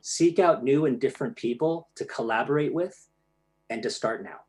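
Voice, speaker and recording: A man's voice: mid-range voice, moderate pace, a little mellow. A man giving a presentation, explaining ideas plainly with casual fillers and restarts. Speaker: speaker giving a talk. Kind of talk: presentation to an online audience.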